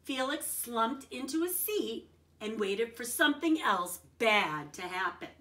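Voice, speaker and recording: A woman with a slightly high, fairly bright voice reads a children's picture book aloud with expression, adding simple explanations and checking in with her young listeners. She sounds distant from the mic in a roomy, echoing space.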